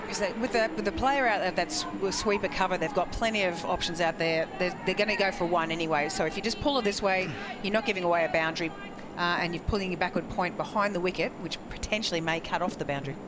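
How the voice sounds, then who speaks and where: A woman's voice: lowish voice, fast, hardly any pauses. A woman from Queensland with an Australian accent giving informal, explanatory live cricket analysis. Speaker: expert analyst cricket commentator. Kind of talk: live sports analysis, conversational. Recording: noisy outdoor ground, traffic ambience.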